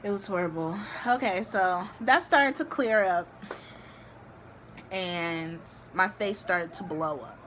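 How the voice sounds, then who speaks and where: A young woman vlogging, telling a story to the camera in a chatty, animated way with many filler likes. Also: lowish voice, slow pace, slight background noise. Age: young adult.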